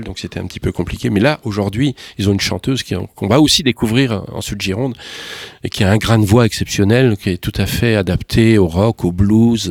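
A man with a Parisian French accent giving an interview as an event organiser, speaking effusively in a halting, digressive way. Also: lowish voice, gravelly, darkish tone, no room sound. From Burgundy, France. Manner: effusive, digressive, halting delivery with repeated words. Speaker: concert organiser, interview guest. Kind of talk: conversational radio-style interview.

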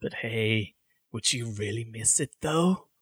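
A man's voice: fairly low pitch, animated, unhurried, a bit bright, dry recording, clean studio sound, heavily acted. A man voicing a sly spider tempter who coaxes in a morally slippery way, in a tabletop game. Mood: sly coaxing. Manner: smooth-talking, morally slippery, coaxing.

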